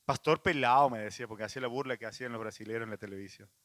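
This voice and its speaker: A man's voice: on the low side, fairly even intonation, rapid-fire, no echo. A male pastor with a Rioplatense Spanish accent, preaching a sermon in a conversational way, with frequent restarts and asides to the congregation.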